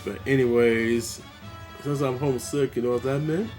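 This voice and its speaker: A man's voice: mid-range voice, steady tone, normal speed, music in the background. A man vlogging about his gaming memories in a laid-back, conversational storytelling way. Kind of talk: storytelling monologue.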